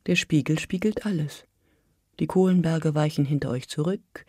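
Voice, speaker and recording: A reader giving a measured, intense literary reading that drops to a hush and then rises to urgent outbursts. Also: mid-range voice, no room sound, studio quality.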